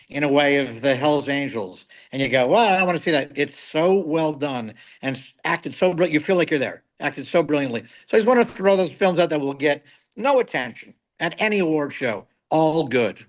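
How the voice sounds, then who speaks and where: A middle-aged man, a comedy writer, giving blunt and animated opinions on films in a casual chat. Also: fairly high pitch, low-quality recording. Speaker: guest film critic, comedy writer. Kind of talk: casual film review chat.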